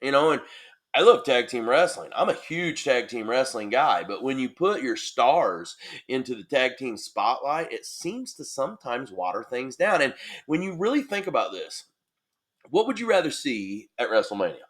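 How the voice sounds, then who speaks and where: Guy doing a solo podcast, gets hyped, lots of ums, swears a bit, normal pitch. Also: moderate pace. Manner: excitable, swears casually, many fillers. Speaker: podcast host. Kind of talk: solo podcast wrestling recap.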